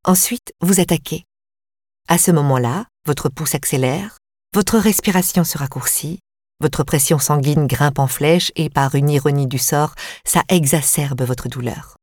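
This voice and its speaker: Low-voiced woman reading an audiobook evenly. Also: dry recording, clean studio sound. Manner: even, measured. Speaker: narrator.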